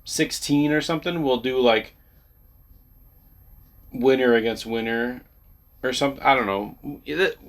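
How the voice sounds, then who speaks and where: A man's voice: medium pitch, a little slow, long pauses. A man co-hosting a collector video in casual chat, rambling and joking, often trailing off. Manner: rambling, jokey, trails off with "I don't know". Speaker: collector channel co-host.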